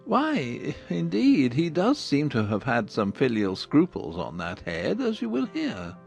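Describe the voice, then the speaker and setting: A wry middle-aged family man, acted by a man for an audiobook drama. His measured, ironic voice has a gravelly fry and sweeps widely up and down as he teases. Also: a little high, huge pitch swings, darkish tone, faint music behind, heavily acted. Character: wry, teasing middle-aged husband and father.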